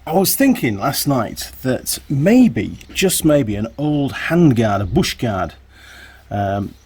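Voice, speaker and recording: Speaking slowly but with lots of animation, a man of medium pitch and a slightly mellow, breathy voice thinks aloud for viewers while his hands stay busy. He's a motorbike mechanic hosting a chatty, casual workshop vlog.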